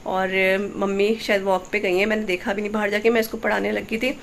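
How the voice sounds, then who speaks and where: A woman's voice: medium pitch, little pitch movement, fast talker, creaky, a little hiss or hum. A woman from India, a mother, chatting casually through a home vlog in a homely, rambling way. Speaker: vlogger, mother. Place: family home.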